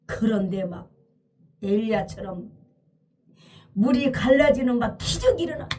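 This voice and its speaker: A high-pitched woman preaches slowly and emphatically, acting out the scripture story and calling out hallelujah. Her voice comes from well off the microphone. It sounds like a dramatic storytelling sermon. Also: animated, dark tone, recorded from a distance. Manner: emphatic, often cries out hallelujah.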